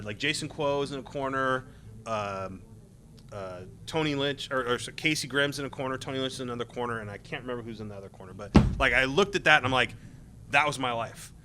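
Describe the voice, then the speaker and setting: A man's voice: mid-range voice, bright, forceful tone, slight background noise. A middle-aged man, a former game tester, telling rambling anecdotes full of fillers at a convention panel. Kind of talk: casual panel storytelling.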